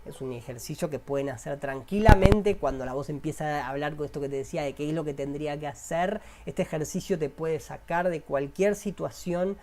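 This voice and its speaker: A man's voice: a little high, a little fast, few pauses. A man with a Rioplatense Spanish accent, a self-help coach leading a guided inner-voice exercise, repeating prompts and coaxing listeners directly.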